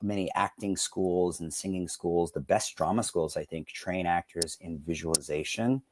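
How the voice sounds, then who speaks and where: A man with a lowish voice tells stories as an interview guest, animated and quick to act out what others said. The sound is dry and close, with no room around it. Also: dry recording. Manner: animated, acts out quotes, laughs often. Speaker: voice actor guest. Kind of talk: casual interview storytelling.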